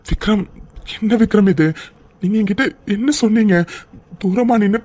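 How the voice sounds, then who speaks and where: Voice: medium pitch, moderate pace, a little mellow, lightly acted. A performer voicing an upset young man in a cartoon, anxiously apologizing and eager to leave. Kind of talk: cartoon voice acting.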